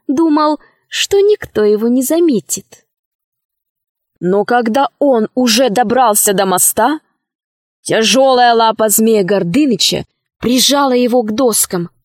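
A woman narrating a children's storybook in an expressive reading. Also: a little high, dry recording, studio quality.

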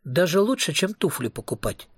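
A man narrating a novel as an audiobook reader, in an even, wry storytelling manner. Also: on the high side, normal speed, husky, no echo, clean studio sound.

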